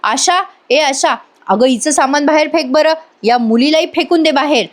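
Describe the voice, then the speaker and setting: A woman voicing a harsh, scornful older aunt who berates everyone in a shrill, scolding manner. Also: moderate pace, close to an everyday voice.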